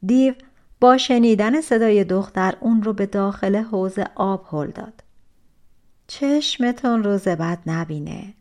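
A woman reading a folk tale aloud as an audiobook narrator, in an expressive, soft-spoken storytelling manner. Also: mid-range voice.

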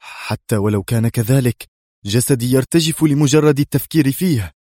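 A proud air force commander, voiced by a male narrator, prickly and agitated, pitched above the narration with a lively, jumpy delivery. It is recorded close and dry for an audiobook. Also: a little fast, no room sound. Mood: indignant. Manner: indignant and agitated.

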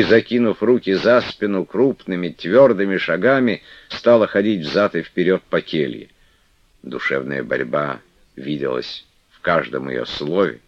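A man narrating a literary novel in a calm, even storytelling voice. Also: low voice. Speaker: audiobook narrator. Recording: dull, dry lo-fi recording.

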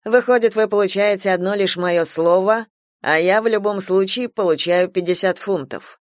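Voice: mid-range voice, moderate pace, no echo, studio quality, close to an everyday voice. A reader voicing Troy, a young soldier, cool and mocking, in an audiobook. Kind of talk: audiobook character reading.

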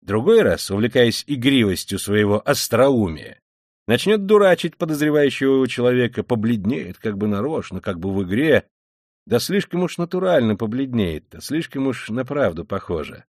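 A man's voice: mid-range voice, very animated, moderate pace, darkish tone, dry recording, clean studio sound. A man reading an audiobook, voicing a fussy, cunning middle-aged male investigator who talks in an ingratiating, sly way. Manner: ingratiating, sly, with old-fashioned deferential endings.

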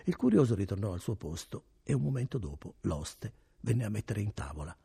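Gravelly male audiobook narrator. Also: lowish voice. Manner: measured, expressive, gravelly. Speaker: audiobook reader.

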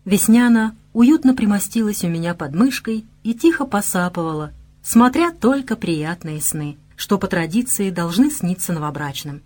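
A woman reads a fantasy audiobook aloud in a measured, even way. Her voice sits at a medium pitch. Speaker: audiobook narrator. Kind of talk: scripted audiobook narration.

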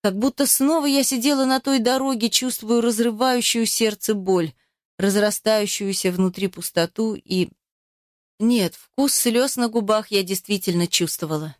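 A woman reading a first-person novel aloud in an emotional, expressive way. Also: fairly high pitch, normal speed, dry recording, studio quality. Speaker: audiobook narrator.

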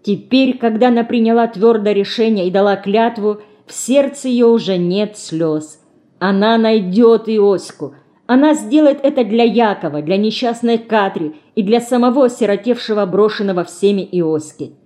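A woman narrates an audiobook with expressive, emotional storytelling. Her voice is warm and mellow, at a mid pitch. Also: normal speed. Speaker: audiobook reader. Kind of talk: scripted narration.

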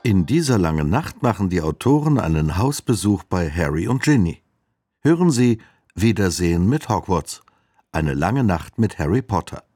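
A male announcer introduces the program in a slow, deliberate manner. His voice is very deep and dark, with a husky grain and a lively melody. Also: faint music behind. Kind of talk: scripted radio announcement.

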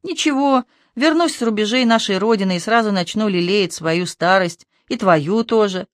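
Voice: medium pitch, moderate pace, dry recording, studio quality, pitched above the performer's own voice, close to an everyday voice. A reader voicing a cheeky young man who jokes with his worried mother in a teasing, breezy way.

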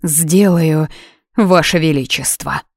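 A nervous royal secretary answers in a strained, dutiful way, as a woman reader voices him. The pitch is low, and the reading has a dry, close sound. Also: slow, vocal fry, dry recording, exaggerated voice. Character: pale, timid male royal secretary.

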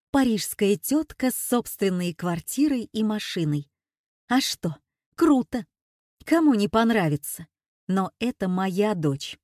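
Hurt middle-aged mother, reproachful, sharp, deliberate, voiced by a woman. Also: medium pitch, no room sound, studio quality, lightly acted.

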